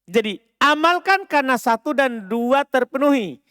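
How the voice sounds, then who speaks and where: High, clear-voiced male grammar teacher. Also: animated, pushed and bright, dry recording, studio quality. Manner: repeats key points and checks understanding with quick questions; slows down to spell out example phrases. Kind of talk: classroom grammar lesson.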